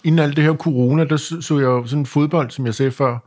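A man's voice: a little high, steady tone, darkish tone. A man in casual podcast conversation, circling hesitantly around his phrasing.

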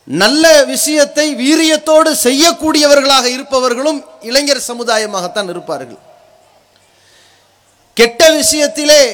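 High-pitched man preaching in thunderous oratory. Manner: forceful, declamatory, rhetorical build-up in short phrases.

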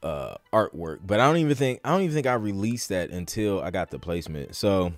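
Over soft background music, a podcast host with a low, sing-song voice talks a little fast. He's informal and slangy, chatting casually as in a live Q&A.

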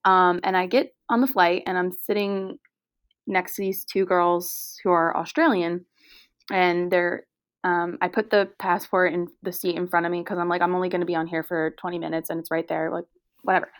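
A woman's voice: fairly low pitch, normal speed, no room sound, studio quality. Chatty young woman telling a story. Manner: chatty, animated, lots of "like", acts out quoted voices. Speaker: podcast co-host. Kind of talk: casual chat, storytelling.

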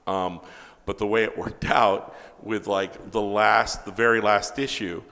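A man with a lowish, gravelly voice tells stories as a comic book writer being interviewed. He is animated, acting out bits of dialogue and cursing freely, and his voice rings with a long reverb. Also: measured pace. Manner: animated, acts out quoted dialogue, swears freely. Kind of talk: casual anecdotal storytelling.

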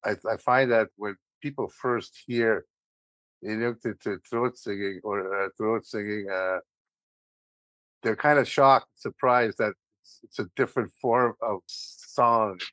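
A man hosting a podcast interview, speaking in a halting way with fillers and restarts. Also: lowish voice, a bit bright, no echo. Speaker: podcast host. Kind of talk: casual interview chat. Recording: dull lo-fi podcast audio.

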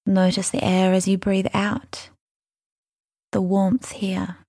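A woman leading a guided mindfulness meditation, speaking softly and soothingly, unhurried and gentle, with breathy phrase endings. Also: mid-range voice, completely flat delivery, dry recording, studio quality. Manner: soothing, unhurried, gentle instruction with long pauses.

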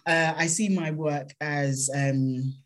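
A woman with a South London accent answering interview questions in an earnest, measured, conversational way. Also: sits low, steady tone. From South London, England. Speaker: interview guest, consultant.

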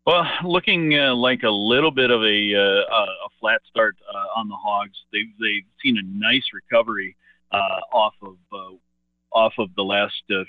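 A man calls in over a thin, phone-quality line to give his market analysis. His voice sits fairly low and the sound is dry and boxed in. He talks haltingly, padding his points with filler sounds and restarting his phrases. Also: no echo. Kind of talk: radio market commentary.

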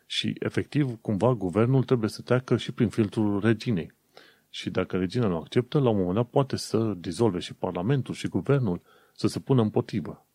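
A man's voice: on the low side, a little mellow, no room sound. A young man from Romania, chatting casually as a host, thinking aloud with fillers and self-corrections. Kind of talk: casual commentary.

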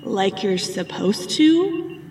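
A woman's voice: mid-range voice, sing-song, takes it slowly, a little mellow, slight background noise. A woman voicing a sarcastic, impatient alien woman with a dry, dismissive manner. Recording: echoey, slightly distant.

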